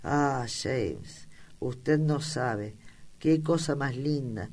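A woman's voice: sits low, expressive, moderate pace, a little mellow. A woman reading an audiobook, voicing an earnest, affectionate young country girl with rustic speech.

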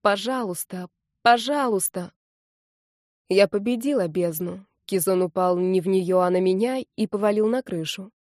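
A woman narrating an audiobook in the first person, in an expressive storytelling manner. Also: mid-range voice, moderate pace, hardly any pauses, dry recording, clean studio sound.

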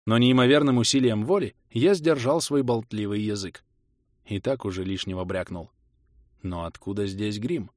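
A man's voice: on the low side, moderate pace, no room sound, clean studio sound. A man narrating a first-person audiobook in a wry, ironic storytelling manner.

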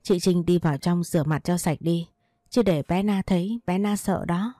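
Storybook husband, gentle and reassuring, read by a woman, low warm voice. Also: normal speed, dry recording, studio quality, natural voice. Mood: soothing. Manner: soft, soothing, patient. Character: gentle caring adult husband, man.

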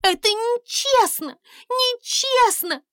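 Shrill young princess, voiced by a woman, high-pitched and dry. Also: animated, takes it slowly, a bit bright, no room sound, exaggerated voice.

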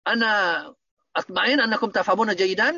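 Bright high-voiced male grammar teacher. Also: fast talker, creaky, husky, no room sound. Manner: explains with repeated questions to students. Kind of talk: online grammar lesson. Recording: dull, dry lo-fi audio.

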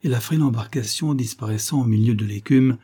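A man reading a classic novel aloud as scripted narration in a steady, dramatic manner. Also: mid-range voice, a little fast, slightly rough. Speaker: audiobook reader.

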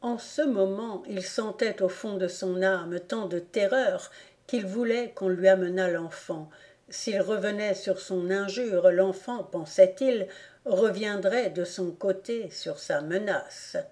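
Slow, mellow-voiced woman narrating. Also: mid-range voice. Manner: measured, even storytelling. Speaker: audiobook reader. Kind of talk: scripted narration of a classic novel.

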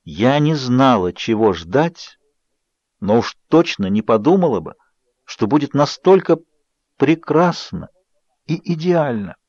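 Guy doing earnest emotional young woman, higher voice, pleading, dry slightly dull audiobook sound. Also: very animated, moderate pace, a little mellow, no room sound. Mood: tender. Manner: pleading, heated outbursts.

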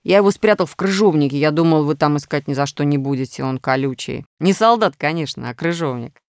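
A woman's voice: sits low, a little fast, dry recording, clean studio sound. A woman voicing a mischievous, childish male minus sign who pleads and makes excuses in a storybook. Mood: excusing.

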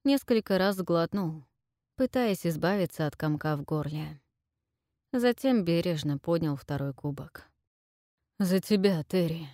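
A woman narrates an audiobook in a slow, deliberate, measured reading. Her voice sits somewhat low, and the recording is dry and close. She keeps a steady storytelling pace. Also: dry recording. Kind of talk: scripted narration.

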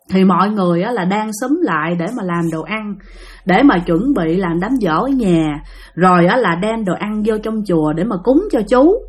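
A woman telling a ghost story in a chatty way, often speaking straight to her listeners. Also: mid-range voice. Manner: chatty, addresses listeners directly.

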